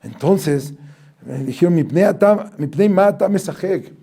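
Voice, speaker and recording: A man, a rabbi, giving a lesson as an animated storyteller who reads out Hebrew and Aramaic quotes. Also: high-pitched, measured pace, slightly rough. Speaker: rabbi teaching.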